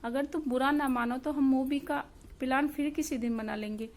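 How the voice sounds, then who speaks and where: A woman's voice: high-pitched, steady tone, normal speed, a little mellow. Young husband, read by a woman narrator. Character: young man, a devoted fiancé and husband.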